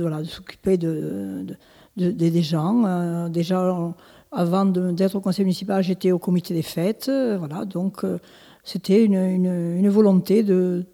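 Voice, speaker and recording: A woman in her seventies, born in Italy, answers questions in a local interview as a village mayor. Her voice is on the low side with a warm tone, heard in a large hall, and she sounds hesitant, with many restarts and fillers.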